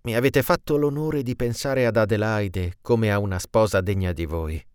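A grave, courteous nobleman in a storybook reading, pitched deeper and quieter than the narration, as a man puts him on. He speaks in a hushed, measured way, as if confiding. The sound is dry and close. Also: clear, resonant tone, no room sound, close to an everyday voice. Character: disguised nobleman returned home, grave and courteous.

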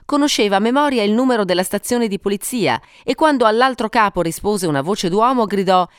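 A woman narrating a story for an audiobook, reading expressively with dramatic pauses. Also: medium pitch, animated, smooth, dry recording, clean studio sound. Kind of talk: scripted narration.

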